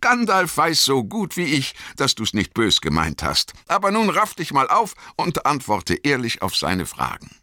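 An earnest young hobbit, gentle yet firm, as a man reads him in a storybook. He speaks in a measured, slow way with a bright, dry sound. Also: mid-range voice, huge pitch swings, no room sound, voice pushed up, heavily acted.

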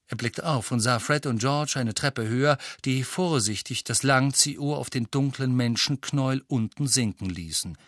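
A male audiobook narrator who tells the story with lively rises and falls in pitch. His tone is bright and forward, recorded close in a dry, dead room. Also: dry recording. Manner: expressive storytelling. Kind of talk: scripted narration.

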